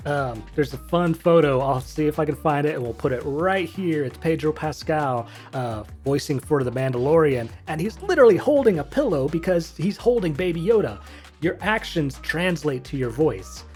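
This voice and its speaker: A man's voice: on the high side, animated, moderate pace, darkish tone, faint music behind. Chatty man explaining voice acting. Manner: chatty, rambling, self-correcting asides. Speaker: voice actor explaining technique. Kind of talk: casual instructional commentary.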